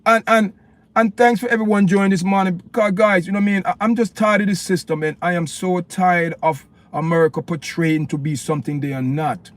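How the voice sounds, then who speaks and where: A high-pitched man from Jamaica talks briskly with fairly even intonation and a Jamaican accent. As host of a livestream, he rants to his viewers in an impassioned, preachy style, addressing them as "people" and restating his opinionated points repeatedly.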